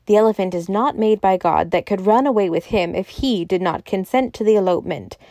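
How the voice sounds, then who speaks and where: A woman's voice: mid-range voice, fairly quick, dark tone, no room sound, natural voice. A woman voicing a wry, composed young male detective who reasons dryly.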